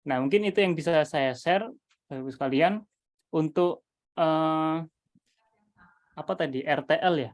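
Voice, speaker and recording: A man's voice: on the high side, moderate pace, pauses often. A man presenting his Quran reading method to teachers over a video call, thinking aloud with many fillers and restarts.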